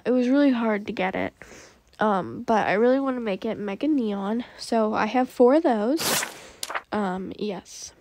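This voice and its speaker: Chatty young woman gamer, mellow voice. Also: a little high, dry recording. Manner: chatty, says "like" and "um" a lot. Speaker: gaming channel host. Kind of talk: casual game commentary.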